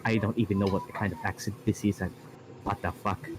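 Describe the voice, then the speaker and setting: A man playing in a tabletop game over voice chat, relaxed and chatty, laughing easily between lines. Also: fairly low pitch, brisk, low-quality recording. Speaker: player.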